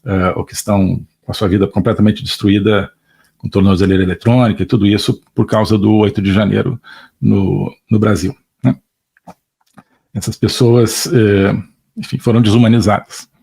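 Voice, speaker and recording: A man's voice: fairly low pitch, steady tone, normal speed, vocal fry, mellow, husky. A middle-aged man with a Brazilian Portuguese accent giving an online political lecture, hesitant, full of fillers and tag questions.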